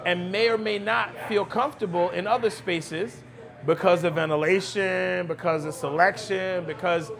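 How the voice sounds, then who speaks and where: With crowd noise in the background, a Brooklyn, New York cigar lounge owner talks as a podcast guest in a high, gravelly voice of fairly even intonation and normal speed. He's conversational and emphatic, repeating his phrases.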